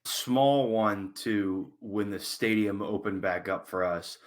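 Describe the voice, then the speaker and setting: A high school football coach co-hosting a podcast, speaking earnestly and reflectively in casual chat. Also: male voice, slow. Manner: earnest and reflective, with small restarts.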